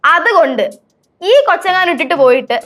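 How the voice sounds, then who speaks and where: A woman's voice: very high voice, brisk, bright, forceful tone. An actress playing a stern mother scolding her grown son in a TV sitcom. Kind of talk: TV sitcom acting.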